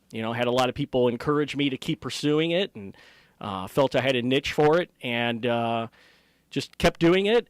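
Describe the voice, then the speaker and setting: A man's voice: mid-range voice, dry recording. Middle-aged American man, dry close sound. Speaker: professional ring announcer being interviewed. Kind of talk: conversational interview answers.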